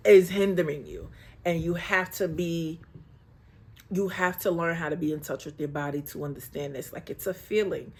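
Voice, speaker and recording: A woman's voice: fairly low pitch, moderate pace, darkish tone, slightly rough. A woman vlogger talking straight to the camera, giving emphatic motivational advice in a casual, preachy way and repeating her points. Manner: calls the viewer baby. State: getting emotional, near tears. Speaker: lifestyle vlogger.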